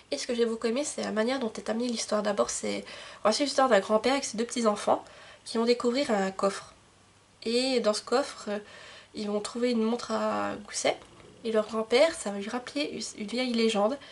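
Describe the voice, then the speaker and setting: A woman's voice: medium pitch, slight background noise. A young woman chatting casually about her month's reading, hesitant, with frequent fillers and restarts. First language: French. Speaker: book vlogger.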